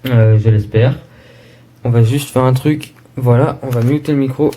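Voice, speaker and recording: A man's voice: mid-range voice, moderate pace, dark tone, poor audio. A man casually demonstrating a mixing desk at home, speaking into a desk microphone with many hesitations and filler sounds. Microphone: desk microphone plugged into the mixer.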